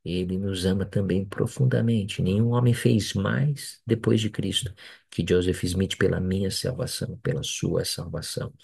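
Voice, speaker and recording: Man, seminary teacher, earnest deliberate lesson, very low husky voice. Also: fairly even intonation, a little mellow, no echo. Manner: earnest, slow and deliberate, with frequent "né" and "ok". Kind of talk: religious class lesson.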